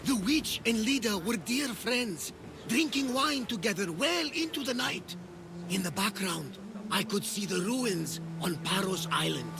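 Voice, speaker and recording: Game role: old visionary husband and seafarer, unhurried, gravelly, dreamy and theatrical. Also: male voice, high-pitched, animated, music in the background, full character voice. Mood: mystical, dramatic. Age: older. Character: delirious old Greek sailor, devoted husband, visionary. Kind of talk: video game voice acting.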